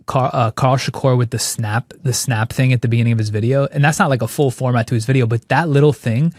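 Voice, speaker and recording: Male podcast co-host, medium pitch, relaxed filler-heavy talk, dry room. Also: fast, dry recording. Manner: laid-back, filler-heavy, says "like" a lot. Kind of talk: casual chat.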